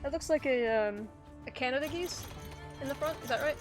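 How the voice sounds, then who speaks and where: With a high-pitched voice and a slightly quick pace, this streamer and host reads messages from chat, laughs a lot and keeps things casual, while game music plays faintly behind her.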